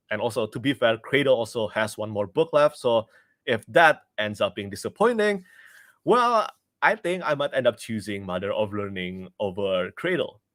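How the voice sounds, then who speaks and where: Chatting casually as a book reviewer on a livestream, a young Indonesian-accented man laughs a lot and keeps restarting sentences. The voice sits lowish and a bit bright, with no room sound.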